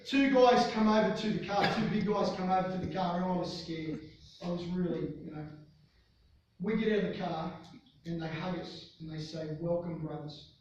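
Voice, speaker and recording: An Australian man giving a conference keynote, telling a story in an animated way and often restarting his sentences. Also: sits high, moderate pace, slight background noise. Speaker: conference speaker. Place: large conference hall. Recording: distant, very echoey, dull hall sound.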